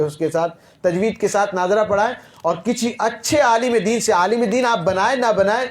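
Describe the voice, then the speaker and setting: A man preaching a sermon, telling stories and quizzing his listeners with rhetorical questions, his voice rising and falling in loudness. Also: sits high. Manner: rhetorical questions to the audience, dramatic swings in loudness. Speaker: Islamic preacher. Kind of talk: Urdu sermon with storytelling.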